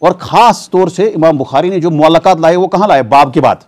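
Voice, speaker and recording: A man's voice: on the high side, fairly quick, a little mellow. A man teaching a weekly class in a mosque, asking his students rhetorical questions and answering them himself. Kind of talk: classroom lecture on hadith terminology.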